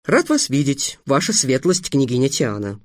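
A man's voice: mid-range voice, huge pitch swings, moderate pace, no echo, clean studio sound. A man voicing an indignant, sullen teenage boy who speaks with resentment and curt, stiff politeness. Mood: stiffly polite.

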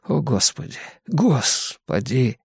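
A man's voice: medium pitch, sing-song, extremely slow, a little mellow, dry recording, clean studio sound, full character voice. A man voicing a terrified, gagged young man who lets out strained, muffled cries in an audiobook. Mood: panicked.

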